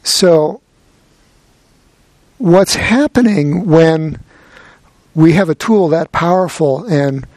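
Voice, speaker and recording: Slow, reflective male meditation teacher. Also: a little high, dry recording. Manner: gentle, reflective, lightly humorous. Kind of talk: dharma talk.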